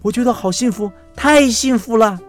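A man's voice: medium pitch, very animated, fast talker, a little mellow, faint music behind, pitched above the performer's own voice, close to an everyday voice. A man putting on a gushing dreamy young woman. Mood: rapturous. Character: young woman, dreamy food-loving girlfriend.

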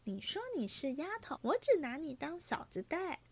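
A woman reading aloud and voicing a witty young noblewoman who teases in a high, sly voice. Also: big pitch swings, moderate pace, gravelly, heavily acted. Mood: teasing.

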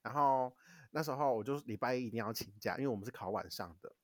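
Young male podcast co-host, from Taiwan, quick and animated storyteller, dry close mic. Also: mid-range voice, no room sound. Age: young adult. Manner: animated, swears casually, laughs while telling. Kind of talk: casual storytelling chat.

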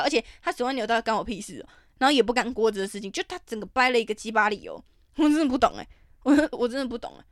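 A young woman with a Taiwanese Mandarin accent tells stories at a rapid clip, her fairly high voice swearing freely and breaking into animated outbursts. The sound is close and dry, with no room around it. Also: no echo. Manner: profane, ranting, animated outbursts. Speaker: podcast host. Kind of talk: casual storytelling monologue.

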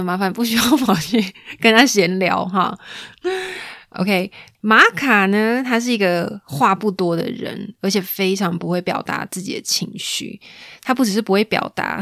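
A woman's voice: dry recording, clean studio sound. A woman, hosting a casual parenting podcast in a chatty, playful way. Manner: chatty, playful, acts out quoted lines in a higher voice. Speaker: podcast host.

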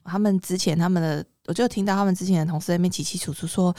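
A woman with a Taiwanese Mandarin accent telling a story in casual podcast chat, animated and expressive. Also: fairly low pitch, racing, dry recording, studio quality. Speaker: podcast co-host.

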